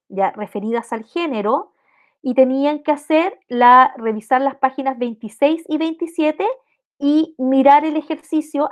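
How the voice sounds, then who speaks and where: A woman with a Chilean accent teaching an online language class, explaining step by step and often checking in with the students. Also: high voice. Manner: explanatory, checks in with rhetorical questions.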